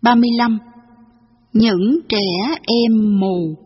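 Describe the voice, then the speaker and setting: A woman narrating a storybook in a slow, measured reading voice. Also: on the high side, slightly rough, no room sound. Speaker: audiobook narrator. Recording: dull lo-fi recording with faint music. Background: faint background music.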